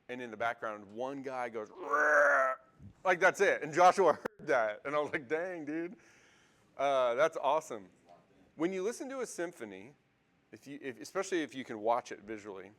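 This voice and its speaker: A man's voice: mid-range voice, fairly bright tone. Casual male Bible teacher lecturing a class. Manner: conversational, many fillers and restarts, asks the class questions.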